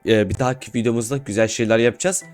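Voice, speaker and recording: Fast-talking young man gaming. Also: mid-range voice. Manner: fast, excitable, repeats words in bursts. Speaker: gaming YouTuber. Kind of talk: casual gameplay commentary.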